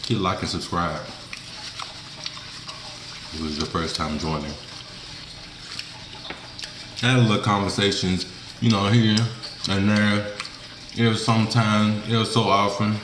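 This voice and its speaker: Deep-voiced young Southern man from Mississippi. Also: fairly even intonation, moderate pace, pauses often, roomy sound, noisy background. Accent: Southern US, rural Mississippi. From Mississippi, USA. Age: young adult. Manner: colloquial, folksy, informal slang. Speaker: food vlogger. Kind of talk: casual mukbang chat to viewers. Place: small indoor room, seated at a table.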